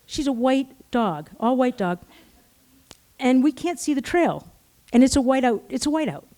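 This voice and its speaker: A middle-aged woman telling a personal story live on stage, animated and self-mocking, acting out the dialogue. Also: high voice, normal speed.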